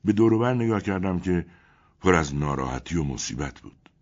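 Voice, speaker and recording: Brief: male audiobook narrator, husky low voice, animated dramatic delivery. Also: muffled recording. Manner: expressive, rising and falling storytelling. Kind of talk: dramatic story reading.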